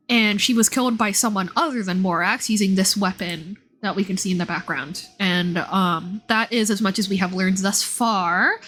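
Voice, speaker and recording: Over video game music, a woman livestreams and chats casually about a game, talking freely and often circling back to rephrase. She streams and also creates VTuber models, and her voice is fairly high and fairly bright.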